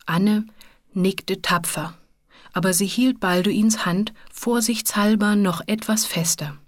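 A woman calmly and gently reading a children's story aloud. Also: mid-range voice, slow pace, no room sound, studio quality.

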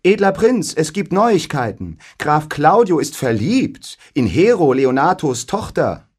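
A man's voice: fairly high pitch, sing-song, a little slow, breathy edge, pitched above the performer's own voice, full character voice. A man voicing a proud, mocking young bachelor nobleman in a storybook, scornful and overbearing. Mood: exclaiming.

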